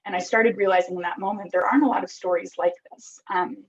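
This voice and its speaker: A Costa Rican woman in her thirties, an app founder, guests on a podcast and reflects openly and earnestly, with plenty of ums and likes. Her mid-range voice stays steady as she talks fast, and the recording has its highs cut off.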